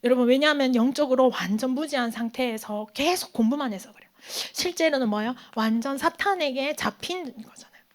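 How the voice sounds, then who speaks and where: Youth pastor, female, bright high voice, question-and-answer sermon with sudden whispers. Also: brisk. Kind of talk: sermon to teenagers. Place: church hall.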